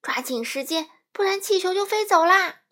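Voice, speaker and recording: A woman reading a storybook aloud, voicing a grand male wizard who calls out loudly from his balloon. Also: very high voice, monotone, very slow, pitched above the performer's own voice, exaggerated voice. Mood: urgent. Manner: loud, proclaiming.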